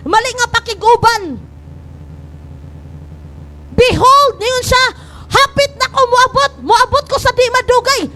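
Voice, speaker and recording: A woman pastor preaches from a church, her voice pitched very high and ringing with excited exhortation, then dropping low and earnest. She mixes Cebuano and English and has the congregation echo key words back. A faint hum of noise and passing vehicles sits under the recording. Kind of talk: sermon. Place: church sanctuary.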